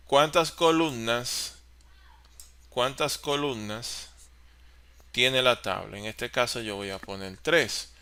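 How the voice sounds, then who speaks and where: A man teaching an online class on office software, explaining step by step and answering his own questions. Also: medium pitch, clear, resonant tone. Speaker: course facilitator.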